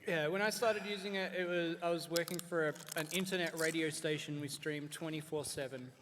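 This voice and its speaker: High-voiced man in echoey hall. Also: steady tone, a little fast, noisy background. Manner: chatty, filler-heavy, talking while eating spicy chips. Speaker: panel presenter. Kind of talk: live convention panel talk. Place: large convention hall.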